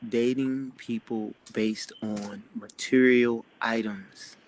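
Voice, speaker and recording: A man's voice: medium pitch, steady tone, takes it slowly, low-quality recording. A man on a talk show panel, laying out his points one by one. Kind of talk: casual talk show discussion.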